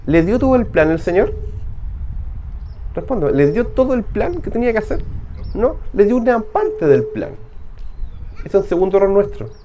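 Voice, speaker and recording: A man's voice: sits high, very animated, moderate pace, long pauses, warm tone, a little hiss or hum. A man with a Chilean accent, a pastor preaching a conversational sermon full of rhetorical questions to his congregation.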